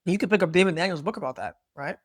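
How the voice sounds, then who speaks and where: A man's voice: high-pitched, racing, slightly rough, dry recording, clean studio sound. A man giving unscripted Bible teaching, rambling and correcting himself, often checking in with "right?".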